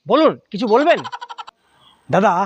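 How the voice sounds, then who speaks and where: A man's voice: very high-pitched, very animated, a little slow, dull audio, slight background noise. A young man performing a comic sketch, pleading and whining in some parts and grumbling in others. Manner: pleading and whiny, then grumbling. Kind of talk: sketch comedy, playing several parts.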